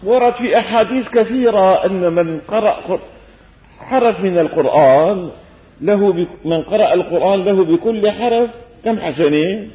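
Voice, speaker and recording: Older syrian sheikh preaching, damascus accent, highish voice, roomy echo, muffled old tape. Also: male voice, moderate pace. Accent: Syrian Arabic, Damascene. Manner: lively, folksy, rhetorical questions, gentle humor. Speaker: sheikh giving Quran commentary. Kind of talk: colloquial sermon lesson. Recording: echoey hall, dull lo-fi old tape.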